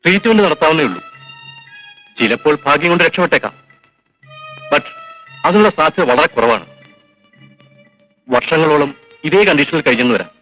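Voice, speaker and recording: A calm doctor explaining things slow and careful, brightish voice, soft music under. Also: male voice, on the high side, lo-fi sound. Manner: measured, explanatory, mixing in English. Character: calm, educated male hospital doctor.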